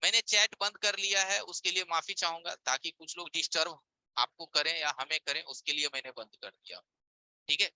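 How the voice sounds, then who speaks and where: A man's voice: a little high, fairly even intonation, a little fast, pushed and bright, dry recording, poor audio. A man teaching a live online repair class, explaining with everyday examples and rhetorical check-in questions over a screen share. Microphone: voice-over on a screen-share stream.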